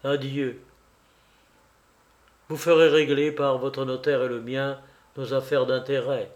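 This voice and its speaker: A man's voice: on the high side, lively intonation, moderate pace. A man voicing an anguished young man, torn by guilt, who speaks in a tense and earnest way.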